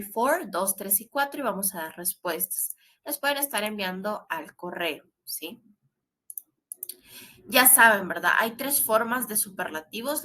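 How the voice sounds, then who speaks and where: Woman teacher going thru grammar step by step, clear bright voice, keeps checking in with the class. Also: medium pitch. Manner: explains step by step, often adds a questioning tag. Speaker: English teacher. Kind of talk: online class explanation.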